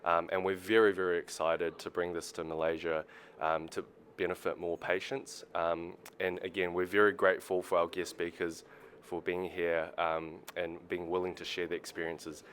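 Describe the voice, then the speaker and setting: Deep voiced guy introducing speakers, lots of ums, bit of faint noise behind. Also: little pitch movement, normal speed, fairly bright tone. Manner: hesitant, many ums. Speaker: company representative introducing speakers. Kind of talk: event introduction.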